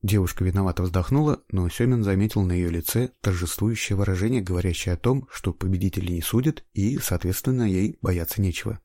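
A man narrating an audiobook in a measured storytelling manner. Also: low voice, dark tone, no echo.

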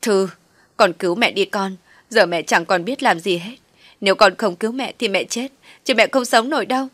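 A woman's voice: mid-range voice, normal speed, fairly bright tone, dry recording, close to an everyday voice. A woman voicing a ruined middle-aged mother who begs her daughter for help in a tearful, pleading way.

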